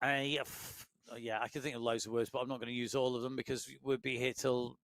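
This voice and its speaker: A man's voice: medium pitch, little pitch movement, a little fast, fairly bright tone, no echo. A man doing live commentary on an online cycling race, chatty and joking, with plenty of filler sounds.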